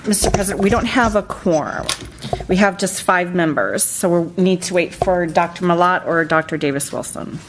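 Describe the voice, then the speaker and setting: A woman with a lowish voice talks meeting procedure firmly and directly. Clear background noise sits behind her. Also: moderate pace. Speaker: meeting official advising on rules. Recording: noisy meeting-room recording.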